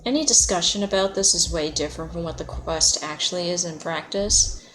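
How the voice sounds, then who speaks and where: A woman's voice: on the low side, brisk, fairly bright tone, a little hiss or hum. A woman streaming a video game, chatting casually, laughing often and answering her chat by name. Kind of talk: casual livestream chat while playing.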